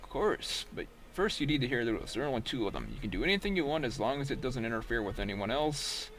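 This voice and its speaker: A man's voice: medium pitch, expressive, quick pace, a bit bright. A man voicing a stern male camp gatekeeper who lays out the rules in a matter-of-fact way, reading game dialogue.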